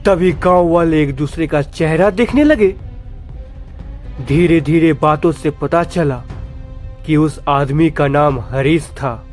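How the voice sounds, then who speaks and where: A man with a fairly high voice tells a horror story at an unhurried, suspenseful pace. His narration is scripted and measured, with faint music playing softly underneath. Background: faint background music.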